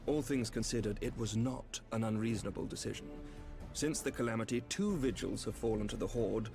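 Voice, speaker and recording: An actor playing a courtly, measured knight commander in a fantasy game, with a smooth, snake-like voice. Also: male voice, fairly low pitch, music in the background. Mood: formal, grave. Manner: formal, deliberate, diplomatic. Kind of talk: fantasy video game acting.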